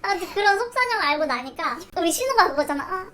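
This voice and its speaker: Young woman, high voice, playful teasing chat, noisy home recording. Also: sing-song, very fast. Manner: teasing, laughing often. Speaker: vlogger in a couple. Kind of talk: casual chat.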